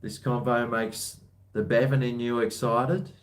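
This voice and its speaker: A man's voice: mid-range voice, little pitch movement, a little slow. A man chatting casually on a livestream, rambling in blokey, laid-back slang. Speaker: livestream host. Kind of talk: casual livestream chat, answering viewer comments.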